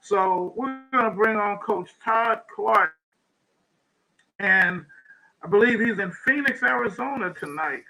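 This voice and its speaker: Man, talk show host, high pitch, very bright tone, halting, repeats words. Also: vocal fry, rough recording. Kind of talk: interviewing a guest over video call.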